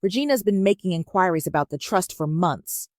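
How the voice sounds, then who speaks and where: A woman voicing a calm, careful older male family lawyer in a storybook reading. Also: on the low side, a little fast, no room sound, studio quality, close to an everyday voice. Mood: serious.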